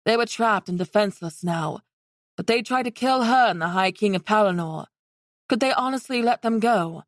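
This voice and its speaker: A woman's voice: mid-range voice, moderate pace, no room sound, clean studio sound. Woman narrating a fantasy audiobook. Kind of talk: scripted narration.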